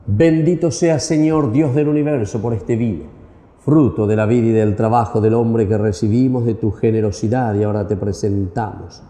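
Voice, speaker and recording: A man's voice: fairly low pitch, fairly even intonation, moderate pace, mellow. A man, a priest, preaching a homily and leading Mass prayers in an earnest, solemn way, his voice carrying a cathedral echo. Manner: earnest preaching, solemn liturgical chant-like delivery. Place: large church. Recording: echoey church hall with long reverb.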